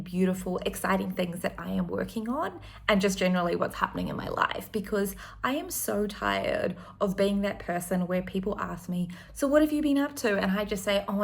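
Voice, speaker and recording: In a casual one-take vlog, a New Zealand woman in her thirties chats enthusiastically, dropping frequent ums. Her mid-range voice carries some vocal fry.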